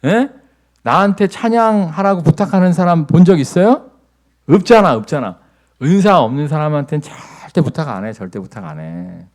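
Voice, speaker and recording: A middle-aged male pastor delivers a chatty, animated sermon in a church. He keeps asking the congregation to answer back and builds to loud, repeated emphasis. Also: on the high side, moderate pace. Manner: asks the congregation for responses. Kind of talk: lively conversational sermon. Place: church sanctuary.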